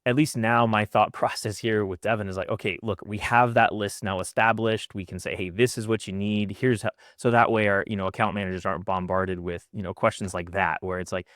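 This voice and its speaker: A man's voice: lowish voice, fairly even intonation, fairly quick, hardly any pauses, fairly bright tone, no room sound, studio quality. A man co-hosting an insurance agency podcast, telling stories casually with some restarts. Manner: conversational storytelling with restarts. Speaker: founder of the insurance agency, co-host.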